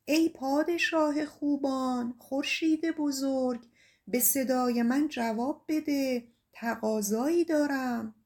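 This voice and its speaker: A lovesick young shepherd on a desperate quest, voiced by a woman narrator. He calls out and pleads with raised, earnest feeling. The voice is fairly high and clean, as in a storybook recording. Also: mellow, natural voice. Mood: calling out.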